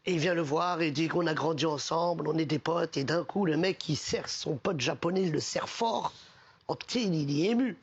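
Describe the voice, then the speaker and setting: Man, casual comic storyteller, husky tone, muffled TV audio. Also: fairly high pitch, normal speed. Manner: casual joke-telling, acts out characters' lines. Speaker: comedian telling jokes on a TV panel show. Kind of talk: telling jokes with voices.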